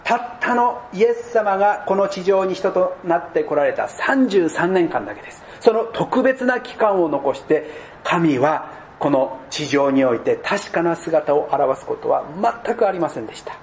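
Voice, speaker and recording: A man preaching a sermon as pastor, speaking deliberately and dropping to soft, low tones at key points. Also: animated, slight background noise.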